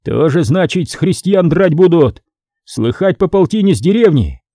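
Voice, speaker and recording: A desperate one-eyed peasant, pleading and bitter, his voice pitched up and strained, as a man acts him out. The tone stays dark and mellow, with wide swings in pitch, and the recording is dry and close, as in an audiobook. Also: expressive, normal speed, dry recording. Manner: pleading, trembling, bitter shouting.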